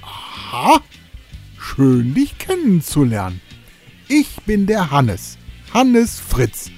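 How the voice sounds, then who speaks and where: A man voicing a cheerful, excitable grown man at a carnival party who talks loudly and jovially. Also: fairly high pitch, extremely slow, soft background music, pitched above the performer's own voice, exaggerated voice. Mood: friendly. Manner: jolly, loud, exclamatory.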